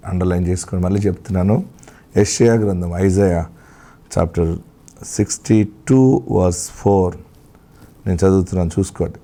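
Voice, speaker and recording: A man's voice: on the low side, dark tone. A man preaching a devotional sermon as a pastor, in an impassioned, repetitive style that voices his listeners' laments. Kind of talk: devotional sermon on a scripture promise.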